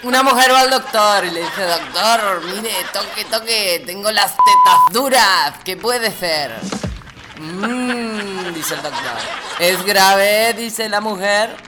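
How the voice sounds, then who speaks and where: A man putting on a bawdy woman comic telling crude jokes. The voice is pitched high and brassy, with loud, crude punchlines. Music runs clearly behind her. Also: lively intonation, slow pace. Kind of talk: comedy sketch.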